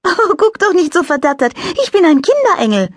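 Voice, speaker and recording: A woman voicing a cheerful little child angel with a delicate, high voice who speaks overly clearly. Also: sing-song, fairly quick, dry recording, studio quality. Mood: bright, eager.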